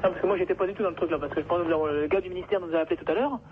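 Heard over a noisy, tinny telephone line full of hiss, a man who works at a trucking firm answers a call in an unscripted conversation. His voice is quick and fairly high for a man, and he sounds flustered, protesting again and again with "non, non."

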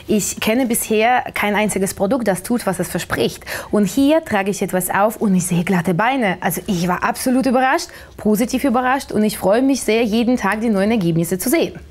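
Mid-pitched woman giving an infomercial testimonial. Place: TV studio.

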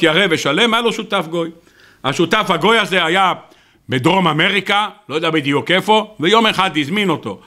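A rabbi delivering a sermon, an animated storyteller who talks straight to his listeners. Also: sits high. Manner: animated storyteller, acts out the people in his stories; addresses the audience directly. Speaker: rabbi giving a weekly Torah talk.

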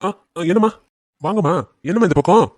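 A man doing a gentle cartoon auto driver. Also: high voice, a little fast, no room sound. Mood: soothing. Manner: soothing, respectful. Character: kind young auto-driver friend, calm. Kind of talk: animated cartoon family drama.

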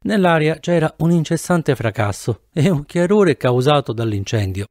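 A man reading a novel aloud in the first person with an animated, theatrical delivery, close to the mic. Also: on the high side, moderate pace, dry recording. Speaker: audiobook narrator. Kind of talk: expressive audiobook narration.

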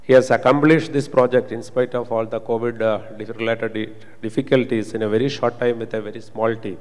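A man's voice: medium pitch, fairly even intonation, fairly quick, a little mellow. A middle-aged man moderating a conference panel, formal and hesitant with many uhs, into a handheld microphone on stage. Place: large conference hall stage, indoors. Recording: long reverb of a conference hall.

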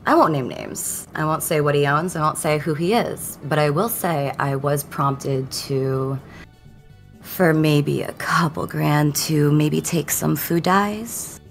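Low-voiced young woman from Florida. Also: slow pace, vocal fry, soft background music. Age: young adult. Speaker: confession guest caller. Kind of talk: casual confessional storytelling. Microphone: video call.

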